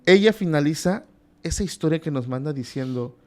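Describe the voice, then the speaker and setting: A man's voice: fairly high pitch, lively intonation, normal speed, a little mellow. A man, a podcast guest retelling a horror story in a conversational way with many asides.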